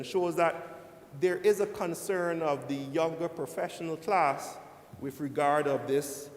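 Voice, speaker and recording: A man giving a formal speech as a senator, deliberately addressing the chair and often saying "sir". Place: large indoor legislative chamber. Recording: echoey hall, rumbling background noise.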